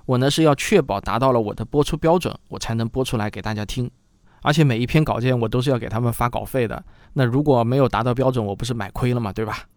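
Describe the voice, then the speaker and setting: A host and producer talks fast in a medium-pitched voice, delivering a chatty outro to his programme's listeners. His style is conversational and explanatory, with rhetorical questions, recorded cleanly in a studio with no room sound.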